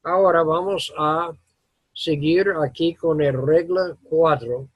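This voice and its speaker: Un hombre que enseña gramática inglesa en una clase, con explicaciones lentas y entrecortadas, mezclando palabras en inglés. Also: male voice, fairly high pitch, husky, no room sound, highs cut off. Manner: slow, halting explanations mixing English words into Spanish. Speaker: English teacher. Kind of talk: classroom grammar lesson. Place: classroom.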